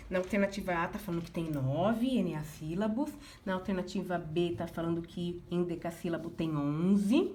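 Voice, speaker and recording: A Brazilian woman teacher talks through a worked exercise with her students. Her voice sits at a middling pitch, and she is patient and conversational. She keeps checking that the students are following along. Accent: Brazilian Portuguese. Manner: patient, uses many fillers like "né" and "ó". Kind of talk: recorded class lesson, explaining exercises.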